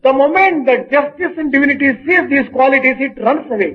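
A man translating a spiritual discourse line by line, in measured, deliberate phrasing. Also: very high voice, animated, muffled recording. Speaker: interpreter.

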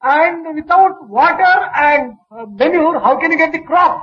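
A man translating a spiritual discourse line by line, in measured, deliberate phrasing. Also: extremely high pitch, dull audio, a little hiss or hum. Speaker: interpreter.

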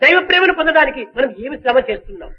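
A man's voice: very high voice, lively intonation, rapid-fire, lo-fi sound. A man giving a spiritual discourse, preaching in rhythmic phrases that rise into exclamations. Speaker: spiritual speaker. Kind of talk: Telugu discourse.

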